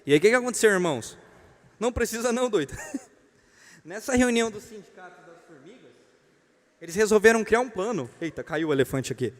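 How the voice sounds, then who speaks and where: A Brazilian man teaches a church class in a fairly high voice, mixing doctrine with joking stories and calling the room his brothers. His voice rings with the long reverb of a church hall. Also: animated, fairly quick, long pauses. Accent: Brazilian Portuguese.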